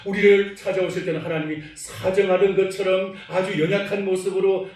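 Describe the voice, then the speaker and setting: A man with a high voice preaches a sermon, lively and theatrical, acting out bits of dialogue and quizzing his listeners. His voice rings through a very echoey church hall, picked up from well away from the mic. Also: a little fast, far from the mic. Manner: animated, acts out dialogue, asks the congregation questions. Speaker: pastor. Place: church sanctuary.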